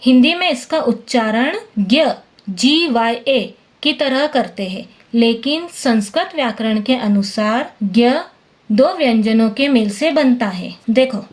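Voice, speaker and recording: A woman's voice: fairly high pitch, expressive, slow pace. A woman teacher explaining a Sanskrit lesson word by word, patiently checking that her students follow. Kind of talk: classroom lesson explaining text line by line.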